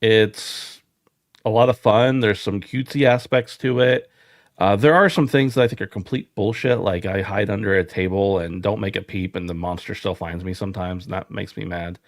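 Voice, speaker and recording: A podcast host chats casually about gaming in a lowish voice at a moderate pace, easygoing and talkative with frequent restarts. The recording is dry and studio quality.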